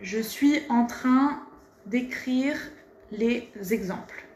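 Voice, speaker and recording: A woman's voice: a little high, very slow, darkish tone, echoey room, slight background noise. A woman teaching pronunciation, carefully articulating and repeating each word. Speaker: French teacher. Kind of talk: pronunciation lesson.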